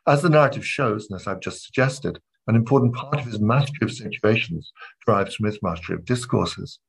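A man giving an academic literature lecture, measured in delivery, weaving read passages into his commentary. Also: on the low side, gravelly, poor audio. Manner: measured, reads quoted passages aloud between comments.

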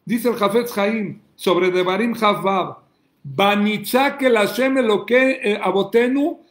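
Male rabbi, fiery question-and-answer sermon delivery, high-pitched, recorded in a reverberant room. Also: slow pace. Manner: emphatic preacher, asks and answers his own questions, shouts calls to God.

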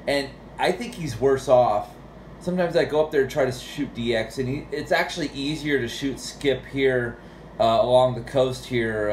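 An American radio operator with a mid-range, darkish voice chats casually and at rambling length about technical matters. The recording is roomy, with radio noise in the background.

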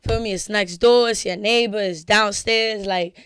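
A woman's voice: medium pitch, fairly even intonation, normal speed, a bit bright, slight background noise. A young woman from the Bronx with a New York accent, chatting bluntly and swearing freely as a podcast guest. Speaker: guest musician. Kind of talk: casual podcast chat.

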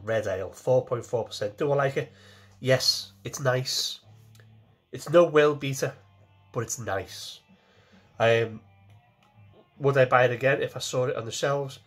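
Talking to the camera in a small home kitchen, a man in his forties with a mid-range voice reviews a beer. His manner is relaxed and talkative, and he tends to repeat himself.

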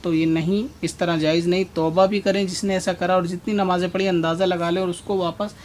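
A man answering a religious question about prayer in a steady explanatory way, pausing now and then with "aa". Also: sits high, a little hiss or hum. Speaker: Islamic scholar answering a question.

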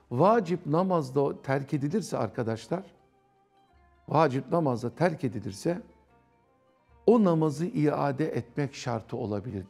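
Gravelly animated male TV preacher. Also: fairly high pitch. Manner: animated, conversational, mimics others. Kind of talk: religious talk on TV.

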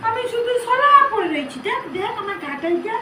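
High-voiced woman scolding devotees as the goddess. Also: big pitch swings, fairly quick. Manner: scolding, commanding, addresses listeners as child. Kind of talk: trance-like divine address. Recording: echoey room, distant mic, background noise.

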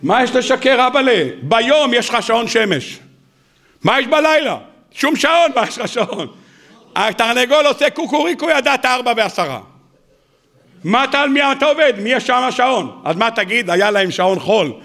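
A rabbi in full flow before his congregation, his voice sitting high for a man. He teases the listeners, fires questions at them and answers them himself, and he mimics the people he quotes in a mocking tone. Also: creaky. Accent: Israeli Hebrew. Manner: animated, joking, asks the audience questions and answers them himself; acts out quoted speakers in a raised, mocking voice. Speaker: rabbi giving a weekly sermon. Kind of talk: lively Torah sermon to a congregation. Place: synagogue or study hall before an audience.

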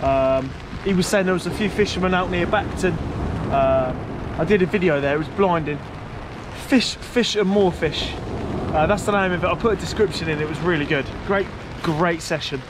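Sheltering under an umbrella on a stormy beach, a fishing vlogger with a slightly high voice talks to the camera at a normal speed, casual and somewhat hesitant. The camera is at arm's length, and rain and outdoor weather noise are clearly audible.

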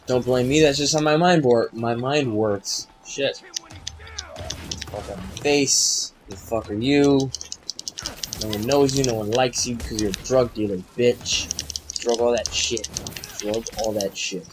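A man's voice: medium pitch, a little slow. A young man talks over his gameplay in a mid-range voice, rambling and swearing as he goes. He mocks himself in a loose, offhand way, and a faint hiss sits under the recording. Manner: crude, rambling, self-mocking. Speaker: gaming YouTuber. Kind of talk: casual let's play commentary.

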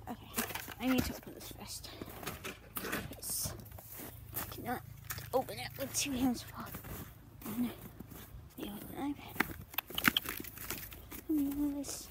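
A young woman with a high voice talks slowly and haltingly as she feeds animals at a barn after dark, now and then calling to them. She holds the recording device at arm's length outdoors. Loud background noise and animal sounds run under her voice. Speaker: vlogger. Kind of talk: casual chores vlog. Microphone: handheld device at arm's length.

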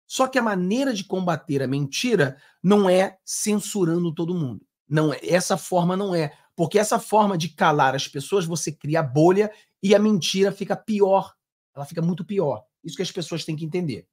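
A man's voice: sits high, lively intonation, a little fast. A man in his thirties with a Brazilian Portuguese accent, giving earnest, emphatic live commentary from a home studio on headphones. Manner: earnest, emphatic, gestures with hands. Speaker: political commentator. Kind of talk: live-stream reaction commentary. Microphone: over-ear headphones, desk mic.

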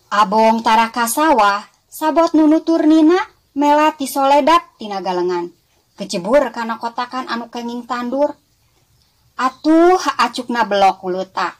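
A woman with a Sundanese West Java accent tells a scripted children's story expressively, addressing young listeners as a storyteller. Her highish voice is animated and her speed is normal.

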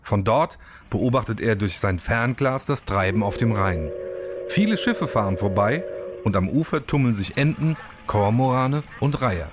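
A man narrating a children's storybook film in an expressive, animated way. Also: lowish voice, normal speed, background noise.

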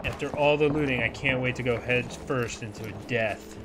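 A man live-streaming a shooter game, chatting with teammates and thanking viewers in a relaxed way. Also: medium pitch, normal speed, a little hiss or hum. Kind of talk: live gameplay chat. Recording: loud game gunfire under the voice.

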